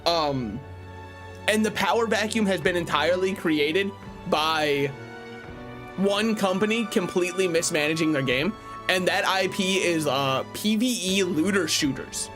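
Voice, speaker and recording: A man's voice: sits high, a little slow, music in the background. A man giving casual, opinionated live-stream commentary on games, conversational and joking. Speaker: game streamer.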